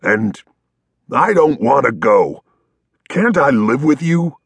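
A man's voice: mid-range voice, sing-song, slow pace, creaky, breathy edge, no room sound, voice pushed up, heavily acted. A man voicing a friendly male wolf in a children's storybook who stutters and pleads to be let in. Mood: pleading.

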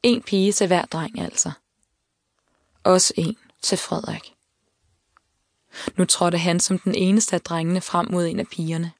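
A woman reading an audiobook, with calm, measured storytelling. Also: lowish voice, no room sound. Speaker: audiobook narrator. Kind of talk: scripted narration. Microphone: close studio mic. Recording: dry studio reading.

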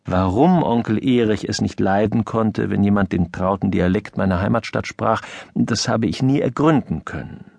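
A man reading a humorous story aloud as an audiobook narrator, with an expressive, mock-stern manner, on a close studio microphone. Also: lowish voice, moderate pace, creaky, dry recording.

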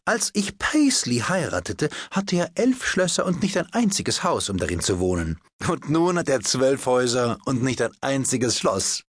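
A man's voice: medium pitch, very animated, normal speed, few pauses, husky, no room sound, voice pushed up. A man voicing a witty, chattering society hostess in an audiobook. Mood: teasing. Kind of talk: audiobook character voice.

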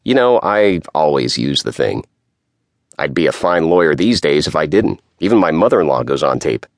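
A man's voice: very deep voice, big pitch swings, moderate pace, dry recording, studio quality, heavily acted. A man voicing a needling, wisecracking middle-aged male lawyer with a nasal voice.

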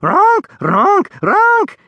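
A man voicing a small baby dragon with shrill squawking calls. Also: huge pitch swings, very slow, pushed and bright, no echo, dull audio, exaggerated voice. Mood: upset.

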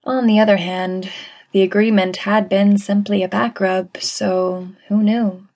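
Slow, measured woman narrator. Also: medium pitch, level tone, darkish tone. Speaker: audiobook narrator. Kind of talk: scripted narration.

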